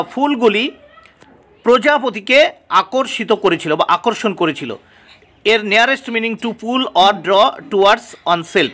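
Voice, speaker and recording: A man with a Bengali accent teaching a lesson, explaining words one at a time with frequent hesitant pauses. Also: high-pitched, sharp tone. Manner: explains word by word, with many "uh" pauses.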